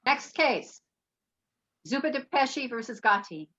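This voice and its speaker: A woman's voice: high-pitched, expressive, measured pace, bright, forceful tone, dull audio, exaggerated voice. A woman playing a stern, impatient TV judge who speaks in a curt, no-nonsense way.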